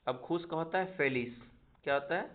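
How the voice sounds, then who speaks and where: A man's voice: fairly high pitch, brisk. A man teaching Spanish in a casual online lesson, drilling conjugations aloud and often checking in with his students. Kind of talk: online language lesson in Hindi. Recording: tinny phone-like audio.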